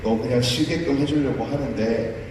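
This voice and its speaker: Pastor doing a low soothing god voice, fatherly and gentle, mic far away in a big echoey room. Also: slight background noise, natural voice. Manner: soft, slow, low reassuring tone.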